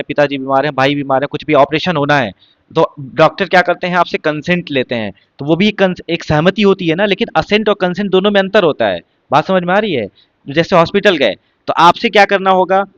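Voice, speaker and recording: A male teacher explains words for exam prep, often repeating himself and asking rhetorical questions. His voice sits a little high, and the recording is dry and somewhat dull. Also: brisk, a bit bright, smooth, dry recording. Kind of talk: exam-prep vocabulary lesson.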